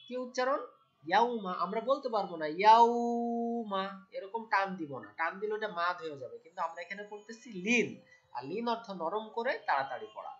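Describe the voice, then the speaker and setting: A woman teaching Quran recitation, spelling out syllables one by one and asking listeners to repeat after her. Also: medium pitch. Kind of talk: slow, patient Arabic letter-by-letter drilling. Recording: dull lo-fi sound.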